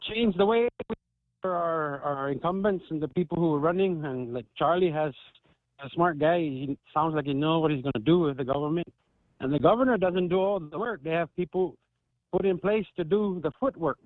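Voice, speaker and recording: Caller on a garbled, half-robotic phone line. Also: male voice, fairly high pitch, brisk, dry recording. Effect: garbled digital phone line, half robotic. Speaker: radio call-in caller. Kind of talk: casual call-in chat. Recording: tinny phone line with digital dropouts.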